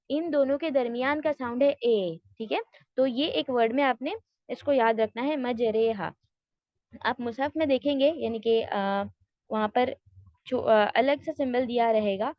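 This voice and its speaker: A woman's voice: high-pitched, no echo, dull audio. A woman teaching recitation rules in an online class, explaining step by step, checking that students follow and mixing in English words. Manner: mixes English words into her speech. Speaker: tajweed teacher.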